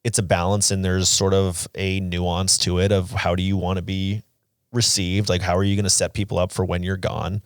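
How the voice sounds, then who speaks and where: This podcast co-host, a man in his thirties, gives casual opinions and leans heavily on the word "like." His low voice has a flat delivery and moderate pace, recorded with clean studio sound and no echo.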